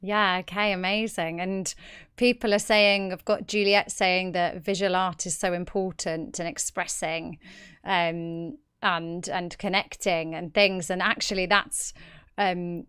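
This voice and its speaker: Smooth-voiced woman podcast host. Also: on the low side, little pitch movement, unhurried, fairly bright tone. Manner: reads out viewer questions with many ums. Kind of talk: live-streamed interview.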